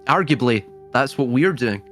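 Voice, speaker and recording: A man's voice: mid-range voice, lively intonation, normal speed, a bit bright, soft background music. A man from Scotland, speaking reflectively in a casual philosophical conversation, often searching for words and laughing lightly now and then.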